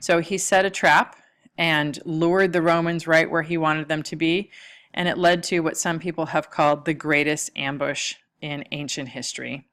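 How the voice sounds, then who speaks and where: A woman's voice: deep voice, flat delivery, normal speed, a bit bright. A woman teaching a history lecture over slides, talking casually with lots of ums and uhs. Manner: casual, with many fillers. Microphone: lecture recording mic.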